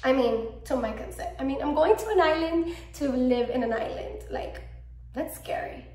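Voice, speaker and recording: A 24-year-old medical student and vlogger from Miami, Florida, speaks to camera with a Cuban-American accent in a casual, enthusiastic vlog shot in a small room at home. She's bubbly and gestures a lot. Her voice is high with a dark tone and a moderate pace, and the room echoes.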